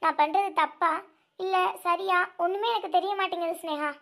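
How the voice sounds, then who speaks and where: A woman's voice: very high-pitched, fairly even intonation, a bit bright. Woman voicing a tearful young snake-woman. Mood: troubled. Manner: tearful, pleading, halting repeats. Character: grieving young snake-woman, protective elder sister. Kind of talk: amateur audio drama.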